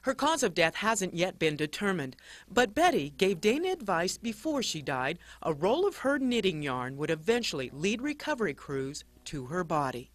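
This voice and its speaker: Animated woman narrating a news report. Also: on the low side, normal speed.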